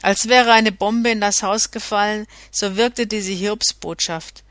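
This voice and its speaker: A woman narrating a classic novel as an audiobook, steady with occasional self-corrections. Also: mid-range voice, unhurried, no echo. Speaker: audiobook reader.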